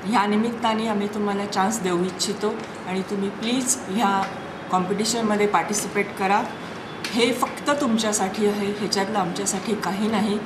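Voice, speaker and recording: A woman's voice: medium pitch, fairly even intonation, fairly quick. Earnest female organiser, roomy noisy press-conference audio. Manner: earnest, pleading. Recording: echoey room with noise.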